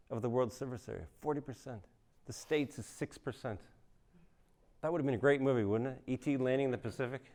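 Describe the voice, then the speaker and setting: A middle-aged man from Canada working a live crowd with dry, self-mocking stand-up. He speaks into a handheld stage mic in a museum hall. When he impersonates others, his voice jumps into a high, squeaky register. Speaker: stand-up comedian.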